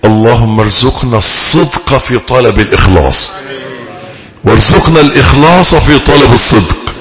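A man with an Egyptian Arabic accent giving a religious lesson as a sheikh, talking in a dramatic way that rises to loud, pleading emphasis. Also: mid-range voice. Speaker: sheikh teaching theology. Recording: reverberant hall.

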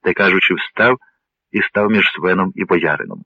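Deep-voiced man reading an audiobook. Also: moderate pace, gravelly, no room sound. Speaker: narrator. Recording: dry, narrow phone-like sound.

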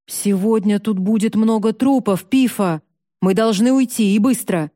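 A woman's voice: mid-range voice, normal speed, mellow, no room sound, clean studio sound, lightly acted. A woman voicing a worried village father who urges his family and neighbors to flee. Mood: urgent. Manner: urgent, pleading.

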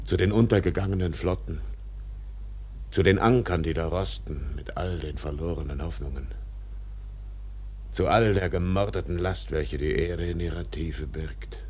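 An actor in a radio drama playing an obsessed, tyrannical older whaling captain, declaiming grandly in a gravelly, husky voice. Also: male voice, sits low, moderate pace, darkish tone. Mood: brooding, solemn. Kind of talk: literary radio drama acting.

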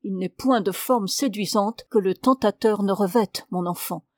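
A solemn, fussy old abbé giving counsel from the confessional, measured and gently reproving, as a woman reader voices him. The reading sits close and dry, in a middle register. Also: medium pitch, no echo, close to an everyday voice. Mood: sermonizing. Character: elderly male abbé, stern yet fussy confessor.

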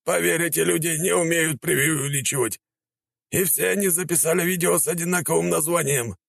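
A man voicing an excitable middle-aged male prefect who wheedles and fawns. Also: a little high, a little fast, creaky, no room sound, studio quality, pitched above the performer's own voice. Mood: blunt. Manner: wheedling, shouting, ingratiating.

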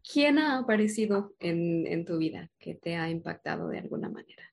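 A woman's voice: lowish voice, animated, moderate pace, gravelly. A woman host asking interview questions in a conversational way. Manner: conversational, apologetic asides.

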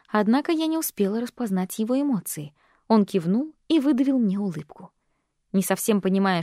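A woman reading a first-person audiobook in steady, even scripted narration. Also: medium pitch, no echo, studio quality.

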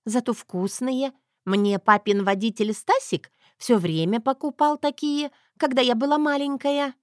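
A woman's voice: high voice, no room sound, clean studio sound, voice pushed up. A woman voicing a sassy, defiant young wife who keeps snapping back, in an audiobook. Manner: sassy, quick to snap back.

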